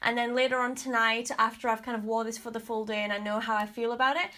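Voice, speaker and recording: Her voice is a little high, pushed and bright, with a stuffy, congested sound. This Australian woman in her thirties, a beauty vlogger, reviews makeup at the lit-mirror vanity in her bedroom, chatty and frank and full of "kind of" and "like."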